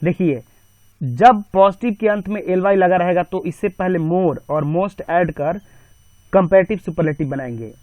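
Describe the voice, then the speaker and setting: High-voiced man teaching grammar. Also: a little slow, dry recording, highs cut off. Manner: explains step by step, often asks and answers his own questions. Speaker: English teacher. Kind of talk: screen-recorded grammar lesson.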